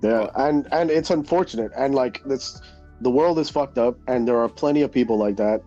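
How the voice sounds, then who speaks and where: A man's voice: medium pitch, normal speed, mellow, faint music behind. Blunt, swearing man ranting on a stream. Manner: blunt, profane, laughing rants. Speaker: livestream host. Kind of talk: casual gaming chat. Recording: dull lo-fi stream audio.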